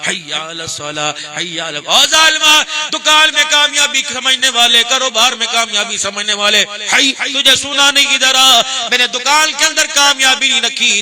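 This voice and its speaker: High-voiced preacher man, live crowd. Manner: swings between hushed retelling and shouted passionate exclamations. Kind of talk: Urdu sermon storytelling. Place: large gathering with audience.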